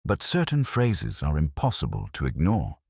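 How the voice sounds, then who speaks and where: Narrating a literary mystery in the first person, a man with an extremely deep, gravelly voice sounds measured and brooding, as though reflecting privately. His pitch swings hugely, and the tone is a little mellow yet slightly rough. The recording is completely dry, with no sense of a room.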